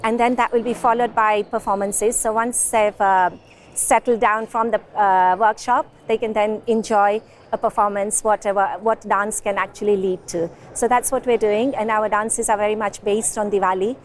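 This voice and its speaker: A woman from a dance group giving an enthusiastic, halting interview at an event. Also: mid-range voice, steady tone, a little hiss or hum.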